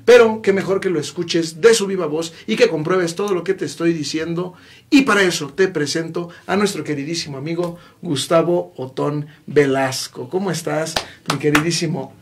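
A man's voice: on the high side, moderate pace, breathy edge. A young man with a Mexican accent hosting a TV talk show in a studio, effusive and full of praise for his guest. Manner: warm, effusive, repeats "mi queridísimo". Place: small bright TV studio.

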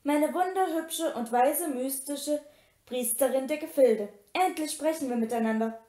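Soft-spoken teasing teen boy in a storybook reading, read by a woman, high, roomy. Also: unhurried. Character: smooth-talking teenage boy on the phone. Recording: roomy echo.

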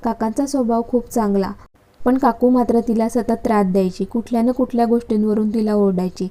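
A woman reading a story aloud at a steady, even pace. Her voice sits a little high, with a soft, mellow tone. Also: a little fast. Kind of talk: story narration.

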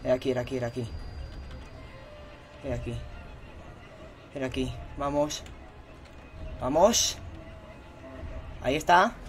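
A man with a Spain Spanish accent giving horror let's-play commentary, repeating himself and yelling and swearing at the game. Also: mid-range voice, a little hiss or hum. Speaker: gaming channel host.

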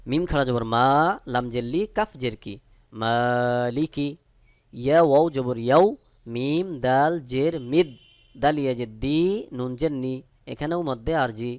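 Clear-voiced man teaching recitation slowly. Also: medium pitch, no echo. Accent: Bangladeshi Bengali. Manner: spells out letters and vowel marks, then recites slowly. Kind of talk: step-by-step recitation lesson.

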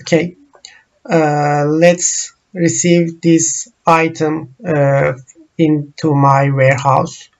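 A man whose first language is Turkish, walking through software screens in a slow, halting tutorial full of pauses and fillers. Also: a little high, level tone, muffled recording. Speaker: software trainer.

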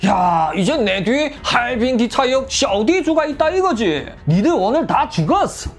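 A man's voice: very high voice, very animated, normal speed, soft background music, heavily acted. A man voicing a karaoke owner in his late fifties who grovels to gangsters and blusters at everyone else. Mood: blustering. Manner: groveling, then swaggering and bossy.

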